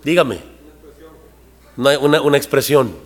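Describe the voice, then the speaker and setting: A man's voice: medium pitch, unhurried, big-room sound. A man preaching a sermon to his congregation, talking conversationally and asking them rhetorical questions. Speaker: pastor. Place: church hall.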